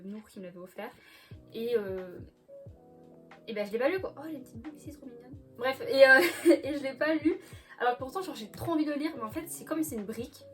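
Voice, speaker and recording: Chatty young woman, bright voice. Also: on the high side. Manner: chatty, laughs often, many fillers. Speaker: book vlogger. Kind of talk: casual chat. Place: bedroom floor by a bookcase.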